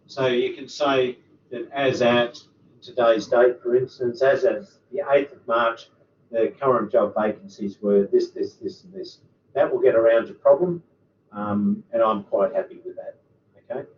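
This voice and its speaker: A man, a university lecturer answering student questions in an online workshop, full of ums and uhs. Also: medium pitch. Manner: halting, many ums and uhs. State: hiccups. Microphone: computer microphone on a video call. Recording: roomy, distant, dull, faint hiss.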